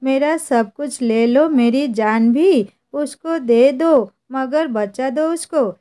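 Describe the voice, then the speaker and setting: A woman's voice: high voice, slow, warm tone. A woman voicing a desperate young husband who frantically begs his dying wife to stay. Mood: desperate pleading. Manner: frantic, begging.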